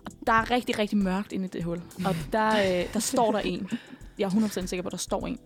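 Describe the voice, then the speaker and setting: A woman's voice: mid-range voice, soft background music. Chatty young woman telling a scary story. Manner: animated storyteller, many fillers. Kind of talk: casual storytelling chat.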